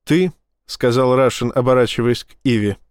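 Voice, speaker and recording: Measured male audiobook reader; clear, dry studio-close voice. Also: medium pitch, darkish tone, dry recording. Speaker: audiobook narrator. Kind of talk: scripted narration.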